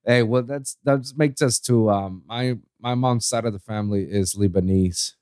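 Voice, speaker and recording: A man's voice: fairly low pitch, moderate pace, a little mellow, clean tone, no echo, studio quality. A man from Puerto Rico hosting a casual podcast, easygoing and slangy, calling his guest "bro" and "man". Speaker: podcast host.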